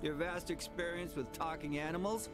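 A man's voice: on the high side, steady tone, moderate pace, faint music behind, natural voice. A man voicing a talking young mare with a laid-back surfer-dude manner, breezy and teasing, in a video game.

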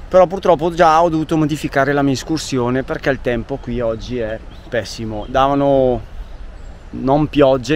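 A man's voice: mid-range voice, slight background noise. Man vlogging on a mountain hike. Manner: chatty, thinking aloud while walking. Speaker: hiking vlogger. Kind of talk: casual hiking narration to camera. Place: outdoors on a mountain road and forest trail. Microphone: camera carried while hiking.

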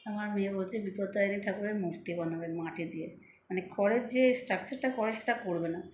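A middle-aged woman vlogging at home into her phone. She speaks with a soft, slightly lisping, childlike manner and takes her time over words to say them clearly. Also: mid-range voice, fast talker, roomy sound, a little hiss or hum. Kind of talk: casual chat to viewers. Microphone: phone camera.

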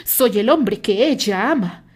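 A woman's voice: a little high, lively intonation, normal speed, a little mellow. A woman voicing a proud, jealous young man who speaks in a raised, emphatic way. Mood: angry.

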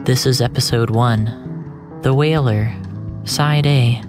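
A medium-pitched narrator performs a surreal scripted audio drama over music. The delivery is measured and dramatic, often slipping into a breathy, almost whispered tone.

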